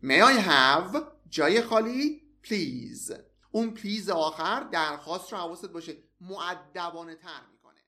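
Man, English teacher, animated, varied intonation, patient explanations, slow repeated examples. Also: high voice. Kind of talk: recorded language lesson.

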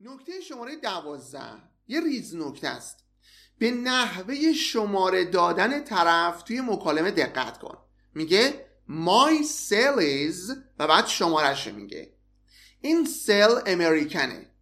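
Lively male English teacher. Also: high-pitched. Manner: animated, explains patiently, repeats English phrases slowly. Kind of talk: recorded language lesson.

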